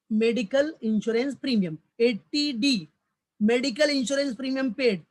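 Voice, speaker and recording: A man teaching a recorded lecture who calls his students "beta", repeats each point, and keeps asking questions that he answers himself. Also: extremely high pitch. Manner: fatherly, addresses students as "beta". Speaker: college commerce lecturer. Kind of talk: recorded tax lecture in mixed Hindi and English.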